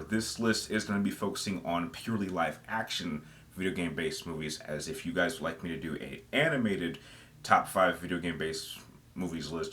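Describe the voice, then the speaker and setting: Hosting a gaming video, a man offers casual, semi-scripted commentary, laying out his opinions conversationally and leaning on phrases for emphasis. His voice sits low and is a bit bright.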